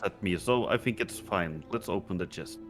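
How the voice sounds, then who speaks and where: A man playing a tabletop game, talking casually and quickly through his character's actions. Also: low-pitched, music in the background. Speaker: player.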